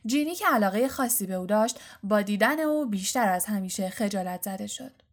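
A woman narrating an audiobook in a fast, even storytelling voice. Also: medium pitch. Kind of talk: audiobook reading.

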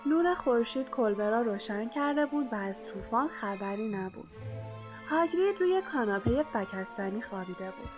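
A woman narrating a children's story in a measured, expressive audiobook style. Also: a little high, music in the background.

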